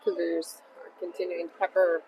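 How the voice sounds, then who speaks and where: Against the noisy ambience of an ice rink, a woman casually calls a hockey game, cheering on her own team. She speaks on the low side at a moderate pace, with little pitch movement, in a chatty amateur style.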